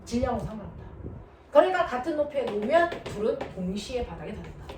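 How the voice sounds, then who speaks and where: A woman's voice: a little high, fast, distant mic. A woman teaching a physics lesson who keeps quizzing her class with constant check-in questions. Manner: lively, quizzes students with constant check-ins. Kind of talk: classroom lecture. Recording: echoey room, voice from afar, noisy.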